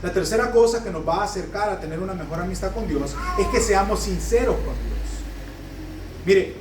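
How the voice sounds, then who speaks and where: Male pastor, high voice, quick and chatty sermon delivery with loud emphatic peaks, roomy church sound heard from a distance. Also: expressive, noisy background. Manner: fast-talking, humorous, conversational preaching. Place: church sanctuary. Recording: echoey hall, heard from a distance.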